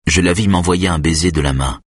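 A man narrating a literary novel in the first person, with a calm, measured reading. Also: sits low, breathy edge, no echo, clean studio sound. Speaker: audiobook narrator.

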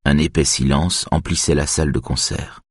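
A man narrating a novel in a measured, somber way. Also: a bass voice, fairly even intonation, breathy edge, no echo, studio quality. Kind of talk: audiobook narration.

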